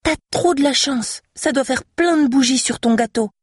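Casting: a woman putting on a bubbly five-year-old girl, high and bright, slightly husky. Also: normal speed, dry recording, studio quality. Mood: chatty. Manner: high, pleading childlike voice.

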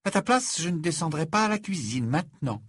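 A man voicing a cheeky teenage girl who warns in a quick, teasing way. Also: a little high, sing-song, husky, dry recording, clean studio sound, pitched above the performer's own voice.

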